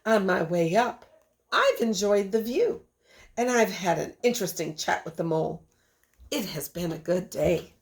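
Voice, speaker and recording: A woman voicing a slow male snail in a storybook, earnest and proud in manner. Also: on the low side, big pitch swings, vocal fry, a little hiss or hum, heavily acted.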